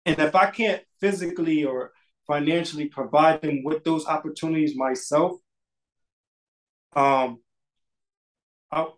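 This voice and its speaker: A man's voice: on the high side, unhurried, pauses often, poor audio. A man in his thirties from Connecticut, a barber talking loosely on a video call in his shop, swearing casually and repeating words. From Bridgeport, Connecticut. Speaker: barber, podcast guest. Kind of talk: casual interview chat. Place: small barbershop indoors.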